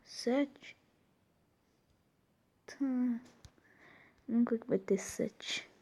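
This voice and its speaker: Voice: medium pitch, drawn-out words, dark tone, husky. A Brazilian with a tongue-tied, slushy lisp in a woman's or child's register, giving casual, muttered commentary while playing a quiz game. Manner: informal, muttering reactions to the game. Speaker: gaming video host.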